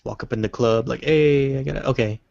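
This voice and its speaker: A man co-hosting a casual livestream, reading out crude questions with dry, teasing remarks. His voice is gravelly with vocal fry, and the audio sounds dry, close and dull. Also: mid-range voice, brisk, a little mellow, dry recording. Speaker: co-host asking questions.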